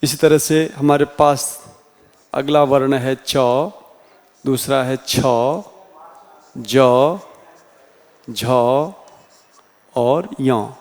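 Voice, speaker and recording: A man teaching a Hindi class in a slow, deliberate way with a Rajasthani accent, sounding out each letter one by one. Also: mid-range voice, fairly even intonation. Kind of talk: classroom lecture. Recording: reverberant room sound.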